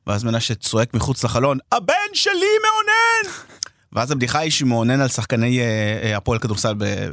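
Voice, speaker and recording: A man, co-hosting a casual chat and telling animated stories. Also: mid-range voice. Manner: animated storyteller, quotes people in raised voices. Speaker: podcast co-host.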